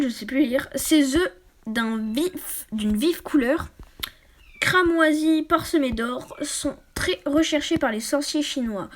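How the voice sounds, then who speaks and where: A woman reading a book aloud for her channel. She often trips over words, corrects herself, and drops into quick, quiet asides. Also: high voice. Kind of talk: casual read-aloud with asides.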